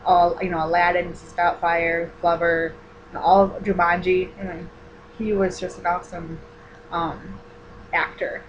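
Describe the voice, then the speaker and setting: A woman's voice: lowish voice, level tone, a little slow, dull audio, noisy background. A woman in her twenties chatting casually in a vlog, rambling with many fillers and restarts as she answers personal questions. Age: 20s. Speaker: vlogger.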